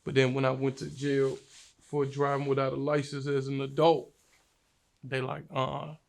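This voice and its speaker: A man's voice: medium pitch, completely flat delivery, moderate pace, vocal fry. A young man from Virginia, a rapper, telling his life story in a casual, slangy interview. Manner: laid-back, slangy storytelling.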